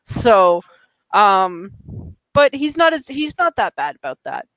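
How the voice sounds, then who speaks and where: A woman's voice: mid-range voice, big pitch swings, slow pace, a bit bright, dry recording, rough recording. A young Canadian woman from Alberta with a stuffy nose, hosting a casual chat, rambling with fillers and giggles. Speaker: podcast host.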